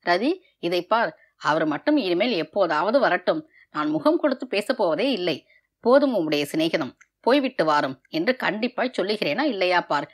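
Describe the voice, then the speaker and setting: A woman voicing a proud, wounded young female dancer in a storybook reading, with measured delivery. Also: lowish voice, lively intonation, voice pushed down. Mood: playful.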